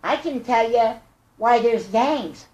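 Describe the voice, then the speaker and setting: An older woman with a squeaky, chipmunk-like helium voice, speaking earnestly and haltingly in a rambling personal monologue. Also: darkish tone, dull audio. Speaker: vlogger. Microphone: tablet microphone. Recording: echoey room.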